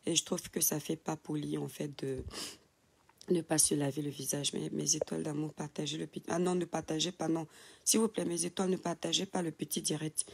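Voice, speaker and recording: Woman, creaky morning voice, affectionate live-stream host reading viewer names into her phone. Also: sits low, a little mellow. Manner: affectionate, calls viewers "my star", reads names with hesitant fillers. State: just woken up. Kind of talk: casual audio-only live chat, reading out viewer comments. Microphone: phone, audio only.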